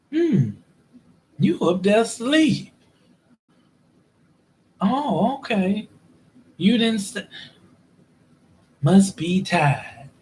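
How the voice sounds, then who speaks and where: A man voicing a bossy older grandmother who rules the family gathering, with a husky, high, drawn-out scolding tone. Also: darkish tone, full character voice.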